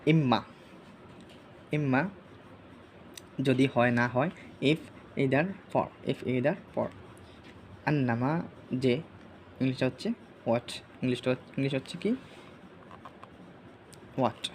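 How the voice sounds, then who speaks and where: A man's voice: mid-range voice, takes it slowly, pauses often, a little hiss or hum. A man teaching an Arabic vocabulary lesson over a screen share, repeating each word several times as a drill.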